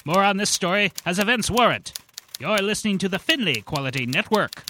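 A man's voice: high-pitched, lively intonation, fairly quick, heavy background noise. A man playing an urgent, earnest news anchor in an old-time radio bulletin.

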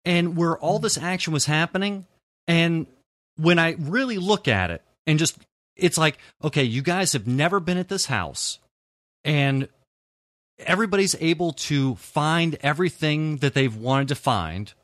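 A man's voice: fairly high pitch, animated, unhurried, fairly bright tone, no room sound, studio quality. A man co-hosting a podcast in casual chat, stammering through restarts. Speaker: podcast co-host.

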